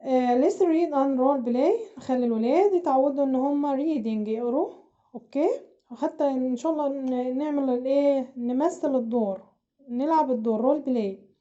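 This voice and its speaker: An Egyptian woman teacher with an Egyptian Arabic accent, slowly explaining a children's English lesson and drilling words for the class to repeat. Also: high-pitched, dark tone, muffled recording.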